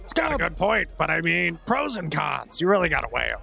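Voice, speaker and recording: Man, tabletop role-play, very gravelly, bright tense tone, lively swings in pitch. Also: a little fast, soft background music. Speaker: tabletop game player.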